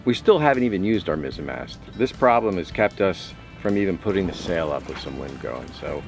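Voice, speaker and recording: Low-voiced man chatting on a sailboat. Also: big pitch swings, fairly quick, music in the background. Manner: chatty, thinking aloud, muttering at the work. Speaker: sailing vlogger. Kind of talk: casual narration while working. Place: outdoors on a sailboat deck.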